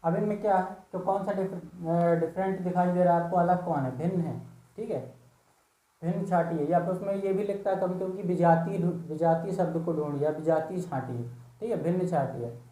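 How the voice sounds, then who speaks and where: A man's voice: sits high, fairly quick, dark tone, echoey room, poor audio. A male teacher giving an exam-prep reasoning lesson, explaining step by step and often checking in with "theek hai".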